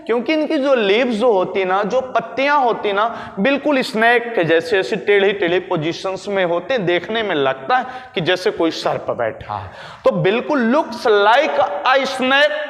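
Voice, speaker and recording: Guy teaching bio in a high voice, asks then answers himself, big echoey room. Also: a bit bright. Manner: explains slowly, asks and answers his own questions. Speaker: biology teacher. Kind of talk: classroom-style lecture. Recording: echoey room with long reverb.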